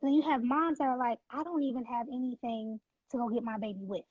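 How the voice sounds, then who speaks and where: A woman's voice: fairly high pitch, steady tone, a little fast, breathy edge, no echo, phone-quality sound. A woman who founded a nonprofit, speaking as an interview guest in an earnest, faith-driven, emphatic way. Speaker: nonprofit founder, former NICU mom.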